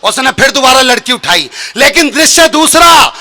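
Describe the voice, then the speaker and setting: A man who is a comic poet telling a funny story on a live stage, lively and shouting out the punchlines. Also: very high voice, moderate pace. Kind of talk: stand-up poetry performance.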